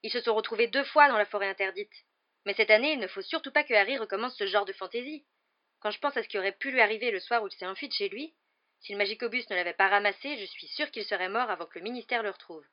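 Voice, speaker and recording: A woman's voice: mid-range voice, fast, pitched above the performer's own voice, lightly acted. A woman voicing a stern, scolding middle-aged mother in a storybook reading, with a slightly dull recording. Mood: worried, insistent. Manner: sharp, scolding.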